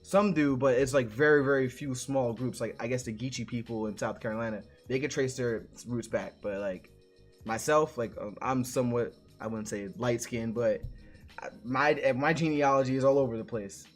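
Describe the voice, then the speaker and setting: A man's voice: medium pitch, moderate pace. Male co-host, easygoing and rambling, on a video-call podcast, with music faint in the background. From New York. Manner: relaxed, rambling, thinks aloud with many restarts. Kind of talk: casual live-stream chat.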